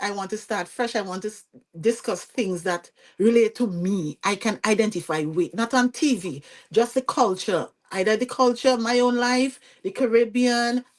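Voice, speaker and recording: Vincentian-accented woman guest, lively storyteller, pitched a bit high. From Saint Vincent and the Grenadines. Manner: lively, chatty, often asks "you see what I'm saying?". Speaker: podcast guest. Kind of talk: conversational storytelling interview.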